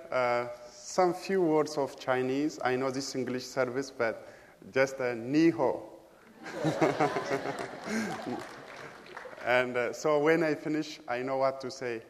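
An Ethiopian man whose first language is Amharic gives a sermon as a guest preacher in a church sanctuary, his Ethiopian accent coming through as he speaks in a measured, halting way with many pauses. His pitch is medium, and the audio has a big-room sound with background noise.

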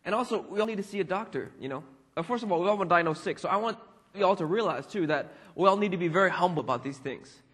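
A young man gives a relaxed, talky sermon, peppered with fillers like "you know" and "like." His voice sits a little high for a man. It rings out with the long reverb of a church hall. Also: fast talker, husky. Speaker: pastor. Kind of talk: casual conversational sermon.

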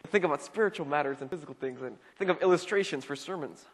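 A man's voice: a little high, fast. A young man preaching a casual, conversational sermon as a pastor, full of "you know" and "like" fillers. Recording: long reverb of a hall.

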